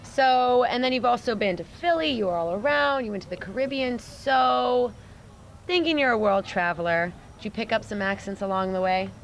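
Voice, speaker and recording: A woman's voice: a little high, moderate pace, creaky, slight background noise. A woman from New York interviewing a guest, chatty and prompting with loose phrasing. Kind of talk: casual interview.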